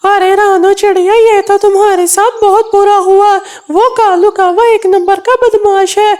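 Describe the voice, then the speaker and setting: A woman's voice: very high-pitched, steady tone, a little slow, darkish tone. A woman voicing a kind, helpful male parrot in a cartoon, speaking in a comforting, coaxing way.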